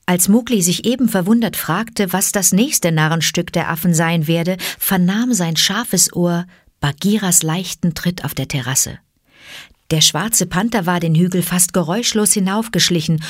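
A woman reads a storybook aloud in a calm, measured and expressive voice. Her voice sits somewhat low for a woman. The recording is dry and close, with no room sound. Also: no room sound. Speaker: audiobook narrator. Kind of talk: storybook narration.

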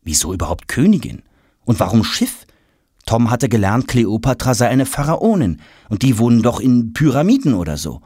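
Man reading a children's story, very lively melody, dry close sound. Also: medium pitch, moderate pace, husky, no echo. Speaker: narrator. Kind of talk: children's audiobook narration.

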